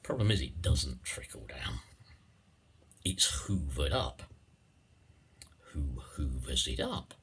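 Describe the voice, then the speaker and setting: A man's voice: rumbling low, very animated, takes it slowly, creaky, long pauses, fairly bright tone, slight background noise. A man giving a rambling, satirical monologue in a theatrical, digressive way, repeating phrases and tagging on questions.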